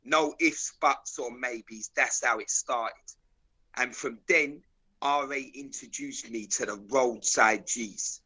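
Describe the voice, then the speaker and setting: A man's voice: medium pitch, slow pace, pushed and bright, slightly rough, low-quality recording. A man with a South London accent, telling stories in street slang in an emphatic, declarative, repetitive way. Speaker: interview guest, videographer.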